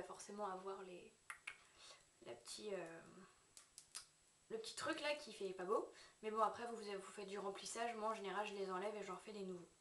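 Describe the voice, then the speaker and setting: A woman giving a casual makeup brush review to her viewers, chatty and hesitant, often pausing and correcting herself. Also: mid-range voice, a little hiss or hum. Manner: chatty, hesitant, with frequent fillers and self-corrections. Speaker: beauty vlogger. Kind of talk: casual product review to camera. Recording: echoey room, mic set at a distance.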